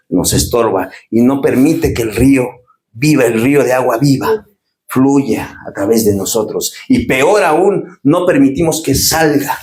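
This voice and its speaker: A man preaching a sermon as pastor, swinging from raised, urgent lines to low, quiet asides. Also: reverberant. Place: church.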